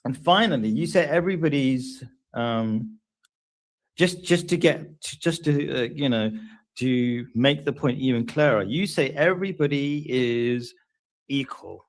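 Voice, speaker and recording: Forties man, thoughtful and halting guest in casual talk, mid pitch. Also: lively intonation. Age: 40s. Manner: thoughtful, hesitant, many fillers. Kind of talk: casual discussion.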